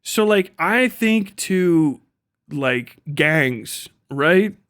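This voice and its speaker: A man hosting a livestream delivers a casual, unscripted monologue that's blunt, slangy and profane, animatedly acting out imagined bits of dialogue. His voice is a little high and clean in tone, and he speaks extremely slowly.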